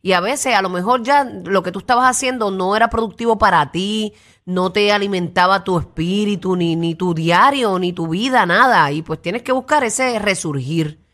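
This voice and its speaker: A woman's voice: medium pitch, moderate pace, a bit bright. A woman, a radio co-host speaking playfully and earnestly encouraging callers. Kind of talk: lively radio morning show chat.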